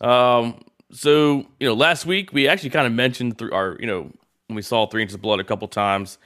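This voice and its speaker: A man's voice: medium pitch, moderate pace, fairly bright tone. Easygoing male podcast host, rambling. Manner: laid-back, rambling, swears freely. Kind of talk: casual podcast chat.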